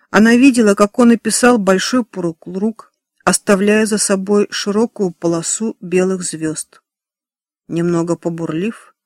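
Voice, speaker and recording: High-voiced man reading a story. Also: no echo, studio quality. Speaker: audiobook narrator. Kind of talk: scripted narration.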